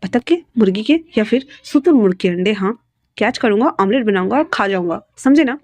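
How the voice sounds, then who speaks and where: A woman's voice: mid-range voice, animated, brisk, a little mellow, no echo, natural voice. A woman voicing a stubborn young man who teases and needles his friend, in a spoken storybook. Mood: teasing. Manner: cheeky, teasing.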